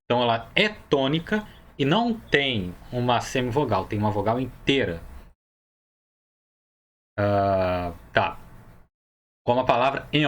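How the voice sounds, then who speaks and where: A man's voice: mid-range voice, a bit bright. Patient Brazilian man teaching grammar. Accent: Brazilian Portuguese. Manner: patient, explains step by step, asks "tá?" and "ok?" to check understanding. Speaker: Hebrew teacher. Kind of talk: recorded grammar lesson.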